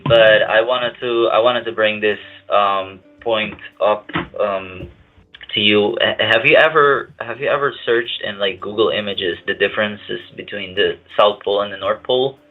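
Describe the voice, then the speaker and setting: A man's voice: on the low side, fairly even intonation, moderate pace. A male caller talking over a speakerphone who speaks hesitantly, often restarting and repeating his words. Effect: on speakerphone over a phone line. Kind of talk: casual call-in chat. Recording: tinny phone line with faint music.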